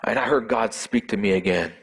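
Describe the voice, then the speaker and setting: A man with a voice on the low side shares an earnest, emotional personal faith testimony, halting at times and repeating words as he goes.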